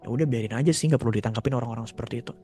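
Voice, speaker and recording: A man's voice: medium pitch, racing, dark tone, faint music behind. A man mentoring young people in a live question-and-answer session, reading out questions and giving casual, direct advice. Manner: casual, direct advice-giving, mock voices when quoting.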